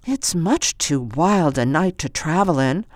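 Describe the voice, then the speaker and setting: A reader voicing a calm, kindly grown woman, a mother, speaking gently in a storybook. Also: mid-range voice, unhurried, dry recording, studio quality, voice pushed up, close to an everyday voice.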